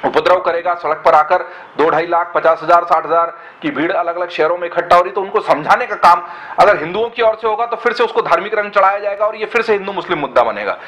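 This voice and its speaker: A man's voice: high-pitched, fairly bright tone, low-quality recording. A man giving earnest, argumentative commentary in a web discussion, often asking rhetorical questions.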